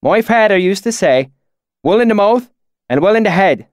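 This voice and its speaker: A man's voice: a little high, expressive, a little fast, dry recording, studio quality, pitched above the performer's own voice, lightly acted. A man voicing a clever young man who puts on a folksy country dialect to win over a stranger. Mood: sly folksy. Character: young man slyly faking a rustic dialect.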